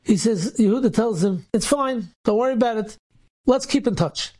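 A man's voice: high voice, normal speed. A man, a rabbi, telling an inspirational story and acting out the dialogue with energy. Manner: animated, acts out dialogue in quotes.

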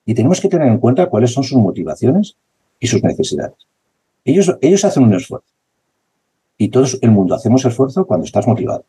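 Basketball coach guy, really animated pitch, dark husky voice. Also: fast talker. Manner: passionate, repetitive, acts out dialogue. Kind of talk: conversational interview.

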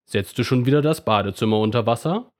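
Stern father, quick and scolding, read by a man. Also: medium pitch, a little mellow, lightly acted. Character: stern father checking on his son. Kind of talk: storybook reading.

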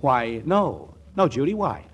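A man playing an excitable, easily flustered young sidekick who repeats himself in old-time comedy. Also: medium pitch, slow pace, husky, heavily acted. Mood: casual. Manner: flustered, stammering, repetitive. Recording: noisy old comedy soundtrack.

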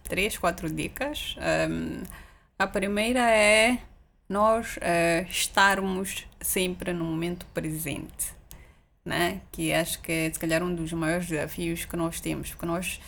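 Low-pitched woman guest with a creaky voice. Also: steady tone, slow, a bit bright. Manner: hesitant, explanatory, seeks agreement with tag questions. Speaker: interview guest. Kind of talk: casual reflective interview talk.

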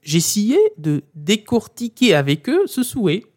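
An Arabic teacher gives a didactic talk in a mid-range, slightly mellow voice with huge pitch swings, speaking a little slowly. He addresses the learner directly as "tu" and drives home key points by repeating them.

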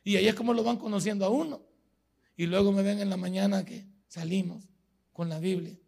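A man's voice: high-pitched, fairly even intonation, brisk, gravelly, darkish tone. A man with a Salvadoran Spanish accent, a pastor preaching a sermon in a folksy way, full of everyday stories from home.

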